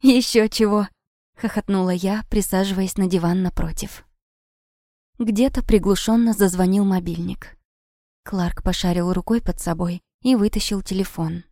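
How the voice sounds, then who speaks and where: A woman reading a first-person novel aloud in a lively storytelling manner. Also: medium pitch, normal speed, dry recording, clean studio sound. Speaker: audiobook narrator.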